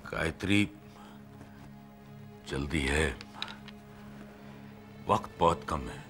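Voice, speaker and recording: An actor playing a grave, measured older family patriarch in a TV serial drama. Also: male voice, extremely low pitch, music in the background, heavily acted. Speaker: family elder, father. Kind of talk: TV serial acting.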